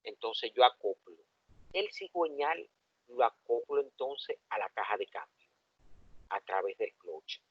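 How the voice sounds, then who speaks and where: A male engineering professor with a Dominican accent, giving a lively classroom lecture and asking the students questions. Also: medium pitch, measured pace, husky, no echo. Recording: dull, dry lo-fi classroom recording.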